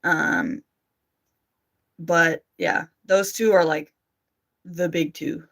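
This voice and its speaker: This streamer and amateur voice actor speaks in a lowish, steady voice that is gravelly yet slightly bright, stretching out her words. Her Australian accent has American traces. Reading viewer comments aloud, she replies informally and makes light of herself.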